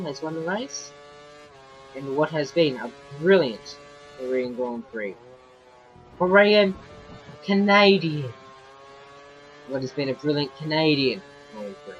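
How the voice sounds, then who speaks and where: A man giving casual, rambling commentary on his own racing game from his bedroom, excitable and quick to flare into loud frustration. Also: mid-range voice. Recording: muffled lo-fi with faint game music.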